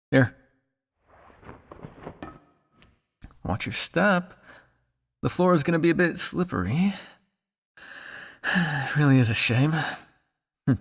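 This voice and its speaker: In an ASMR roleplay, a man voices a weary, guilt-ridden old vampire scientist, addressing the listener in a measured, dryly formal manner. His medium-pitched voice is creaky and fairly bright, the delivery heavily acted, somber and dry, with a big-room sound.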